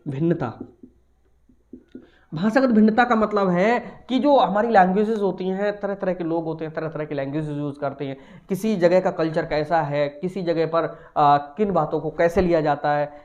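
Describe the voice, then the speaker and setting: A man with a Hindi-speaking Indian accent giving a recorded commerce lecture, explaining point by point and stretching key words slowly. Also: high voice, lo-fi sound. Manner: explains point by point, slow emphatic words, asks and answers himself. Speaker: commerce teacher.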